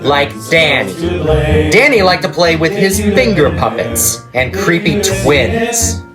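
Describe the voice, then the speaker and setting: A man's voice: high-pitched, slow, full character voice. A man playing an unhinged writer telling his grievance. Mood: aggrieved. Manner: lively, storytelling, aggrieved. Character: unhinged male writer confessing a murder. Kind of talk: spoken verse over a show tune. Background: loud music.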